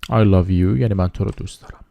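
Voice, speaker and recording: Gravelly low-voiced man teaching slowly. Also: fairly even intonation, warm tone, dry recording. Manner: slow drilling repetition of words, patient explaining. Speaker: English teacher. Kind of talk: beginner language lesson.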